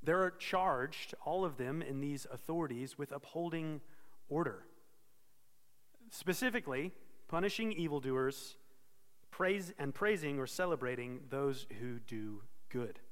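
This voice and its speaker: Pastor, male, somewhat high voice, earnest sermon delivery, reverberant hall. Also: expressive, unhurried, a bit bright. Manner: earnest expository preaching with self-corrections.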